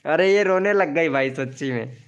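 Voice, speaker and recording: A man's voice: on the high side, moderate pace, muffled recording. A man hosting a casual live stream who promotes viewers' channels, teases them jokingly and calls each of them by name.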